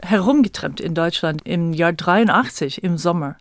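A middle-aged American woman from Virginia, a native English speaker, reminisces conversationally as an interview guest. Her voice sits on the low side at a moderate pace, with no echo.

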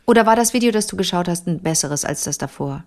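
A woman co-hosting a casual podcast who reacts quickly and drops in short interjections. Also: lowish voice, animated. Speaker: podcast co-host. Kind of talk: casual chat.

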